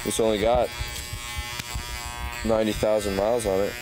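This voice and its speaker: A man's voice: fairly low pitch, little pitch movement, normal speed, rough recording. A man in a casual interview, easygoing and rambling as he thinks aloud. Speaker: band member.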